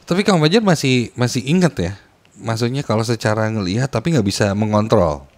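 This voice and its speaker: A man's voice: mid-range voice, animated, brisk, no room sound. A man hosting a casual interview, giving frequent short affirmations and asking follow-up questions. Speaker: host.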